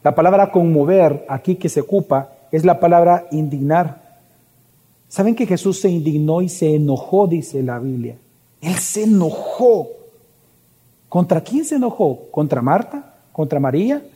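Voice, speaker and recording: A man's voice: fairly high pitch, expressive, normal speed, mellow, slightly rough, in a large hall. A man preaching a sermon as pastor, addressing the congregation with rhetorical questions.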